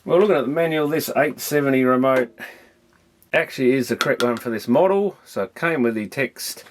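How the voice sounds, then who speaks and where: There's slight background noise behind this man's mid-range voice, and he talks a little fast. He presents an electronics repair video, giving loose, hands-on commentary and rambling matter-of-factly as he works.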